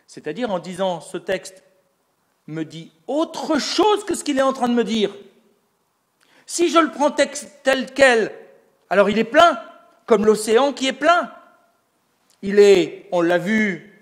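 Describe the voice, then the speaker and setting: Male teacher, high-pitched voice, explanatory lecture delivery with rhetorical questions. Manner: asks rhetorical questions and answers them himself; explanatory, building an argument step by step. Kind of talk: recorded lecture.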